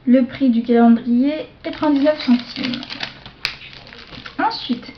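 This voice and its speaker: A woman showing off a shopping haul to her viewers in a casual show-and-tell, hesitant, with many fillers and self-corrections, slipping into soft asides. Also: high-pitched, a little hiss or hum. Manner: slow, chatty, drops into soft asides. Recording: dull lo-fi home video sound.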